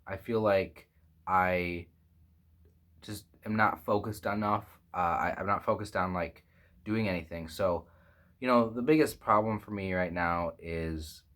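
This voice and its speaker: Low-voiced young man musing candidly. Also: a bit bright. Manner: reflective, rambling with many fillers and restarts. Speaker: vlogger. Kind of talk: candid personal vlog. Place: small room lined with acoustic foam. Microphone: phone camera at close range.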